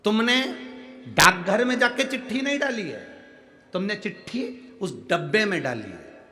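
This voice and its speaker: A man's voice: sits high, sing-song, unhurried, pushed and bright, faint music behind. A middle-aged man preaching a devotional sermon, emphatic and calling out to the audience for responses. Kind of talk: devotional sermon to a large crowd.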